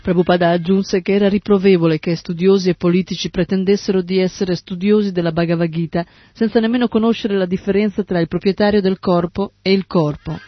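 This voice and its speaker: A man narrating an audiobook in a steady, even read-aloud manner, in a dull lo-fi recording with faint music. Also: sits high, fairly quick, few pauses.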